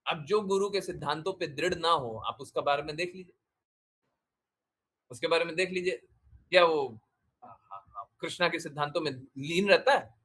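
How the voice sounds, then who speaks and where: A man's voice: fairly high pitch, normal speed, long pauses, a bit bright, husky. A man, a spiritual teacher, giving a devotional talk and answering questions, emphatic, repeating phrases and asking rhetorical questions.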